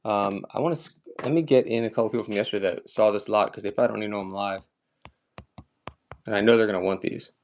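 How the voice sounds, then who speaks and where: A man's voice: lowish voice, fast talker, a little mellow, slight background noise. A man running a live collectibles auction stream, chatting casually and upbeat with viewers as he sells items.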